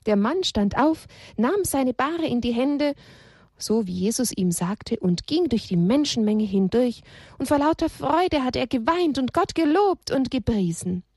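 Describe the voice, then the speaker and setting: A woman's voice: sits high, expressive, unhurried, a little mellow, breathy edge, no room sound, clean studio sound. Woman reading a children's story.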